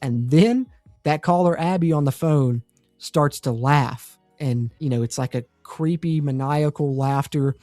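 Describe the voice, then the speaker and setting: A man's voice: a little high, measured pace, mellow, no room sound, faint music behind. A man giving a casual, rambling spoiler review of a horror movie, full of fillers and enthusiasm.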